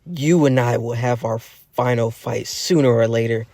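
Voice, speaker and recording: A man's voice: medium pitch, unhurried, a little mellow, no room sound. A man voicing an arrogant, injured young male sorcerer who speaks in a haughty, threatening way. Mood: haughty threat.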